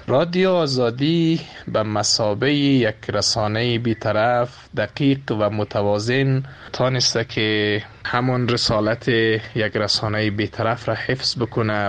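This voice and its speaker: A man's voice: lowish voice, clean tone, dull audio. A man from Afghanistan with an Afghan accent gives a formal listener's comment for radio. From Daikundi, Afghanistan.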